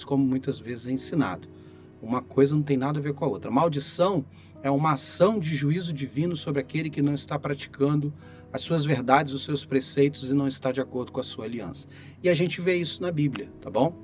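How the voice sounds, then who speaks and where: This Brazilian pastor has a fairly high, darkish voice and a Brazilian Portuguese accent. He teaches a casual Bible lesson, explaining each point in turn and checking on his listeners, though a recent flu has left his voice weary and failing. Guitar plays in the background.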